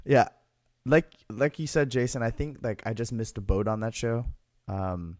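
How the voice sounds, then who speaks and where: A man's voice: mid-range voice, moderate pace, darkish tone, no echo, studio quality. A man hosting a podcast, asking questions in a casual, hesitant way with fillers. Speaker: podcast host. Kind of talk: casual chat.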